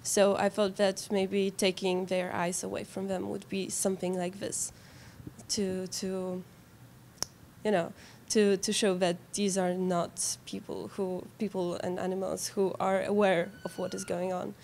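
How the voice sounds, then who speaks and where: Slow-talking young woman. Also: medium pitch, level tone, creaky, a little mellow. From Poland. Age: young adult. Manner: halting, thinking aloud. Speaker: student animator being interviewed. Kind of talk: spontaneous interview answers. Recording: background noise.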